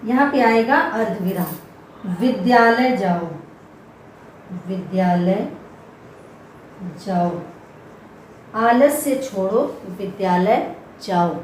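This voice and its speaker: A woman's voice: a little high, animated, takes it slowly. A woman teaching a grammar lesson for children, patiently repeating example words one at a time. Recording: echoey room with faint background noise.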